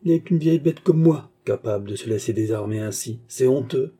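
A man's voice: medium pitch, expressive, brisk, mellow, husky. A man voicing a hot-tempered old veteran hussar, blunt and grumbling.

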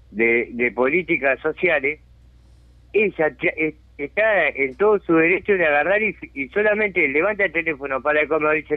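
A fairly high-pitched Uruguayan man speaks Uruguayan Spanish on a dry, tinny phone line with no room sound. As a settlement resident and community spokesman living with a chronic lung disease, he gives a radio phone interview. His manner is insistent and indignant, and he checks often that he's being understood.

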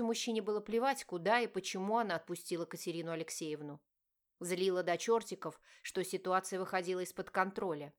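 A woman reading a romance novel aloud in steady, expressive scripted narration. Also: fairly low pitch. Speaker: audiobook narrator.

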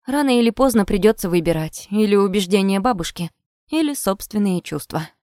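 A woman's voice: medium pitch, lively intonation, a little fast, a little mellow, no echo, lightly acted. A worldly, teasing young woman giving frank advice over a cigarette, voiced by a woman reading aloud. Her voice sits close to the narrator's own, in a dry, close recording. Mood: knowing. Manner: knowing, advising.

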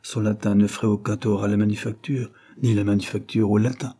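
A man reading a calm, fair-minded father. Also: fairly low pitch, a little fast. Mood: gently firm. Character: calm, fair-minded middle-aged father and factory owner.

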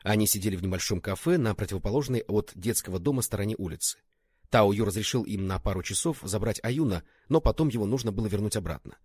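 A man narrating an audiobook in a steady storytelling manner. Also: on the low side, fast talker, husky, no echo, clean studio sound.

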